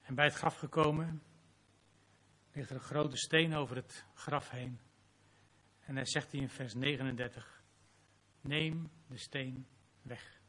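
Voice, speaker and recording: A man's voice: on the high side, a bit bright. A man preaching a sermon as pastor, reading scripture dramatically and closing in prayer.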